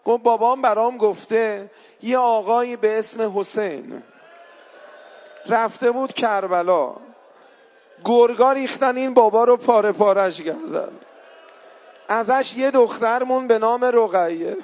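A man's voice: extremely high pitch, long pauses, a little mellow. A man telling a mourning story as a sermon, voicing the people in it, then rising into a wailing chanted lament. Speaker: eulogist preacher.

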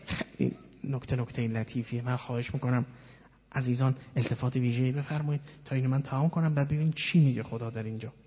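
A man's voice: medium pitch, steady tone, husky. A man giving a sermon and teaching, explaining words one by one and asking rhetorical questions. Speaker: preacher. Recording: dull lo-fi sound in a long-reverb hall.

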